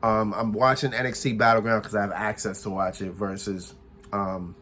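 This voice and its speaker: A young man recapping a wrestling show in casual chat, excitable and often laughing as he acts out what the wrestlers said. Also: on the low side, moderate pace, a little hiss or hum.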